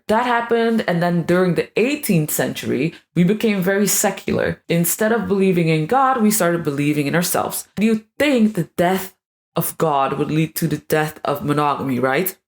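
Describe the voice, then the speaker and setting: Woman vlogging a monologue, kinda low voice, snarky and crude. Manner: irreverent, sarcastic, crude asides. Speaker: video creator. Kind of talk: scripted monologue.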